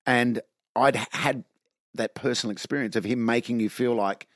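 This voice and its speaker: An Australian man hosting a casual podcast chat, relaxed and conversational. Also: mid-range voice, normal speed, dry recording. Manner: easygoing, conversational prompter. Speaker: podcast host. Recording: dry studio sound.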